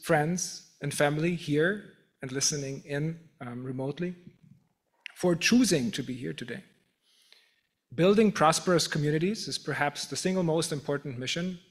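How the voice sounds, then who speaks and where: A middle-aged man with a German accent delivering a prepared acceptance speech as a professor, measured and self-deprecating, with occasional restarts. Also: fairly high pitch. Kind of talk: formal prepared speech with humor.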